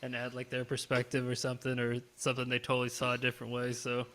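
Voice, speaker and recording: A man co-hosting a podcast in a relaxed, rambling way, laughing now and then. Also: mid-range voice, fast, a crowd in the background. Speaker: podcast co-host. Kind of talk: casual chat.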